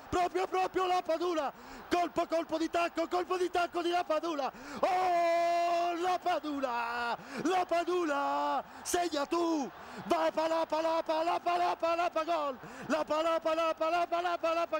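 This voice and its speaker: A male football commentator in breathless goal-call mode, his voice extremely high and gravelly. He shouts and chants repeatedly, with faint noise behind him. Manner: shouting, chanting repetitions of the scorer's name.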